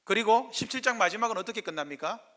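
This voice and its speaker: A male pastor with a Gyeongsang Korean accent preaches in a church sanctuary, pressing the congregation with rhetorical questions and acting out biblical speakers in dramatic voices. His voice is high-pitched and sharp, fast with lively intonation, echoing through the church hall.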